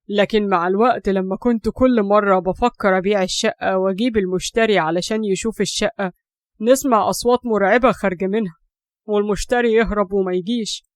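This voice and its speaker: A woman's voice: medium pitch, dry recording, clean studio sound, close to an everyday voice. A woman voicing an impatient, worried Egyptian son.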